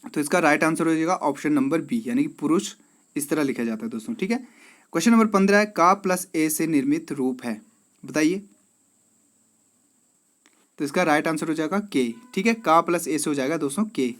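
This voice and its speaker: A man's voice: fairly high pitch, fairly quick. A man with an Uttarakhand Hindi accent, teaching as he walks through exam quiz questions one by one. He calls the viewers friends and keeps checking in with them. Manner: addresses viewers as friends, repeats "theek hai".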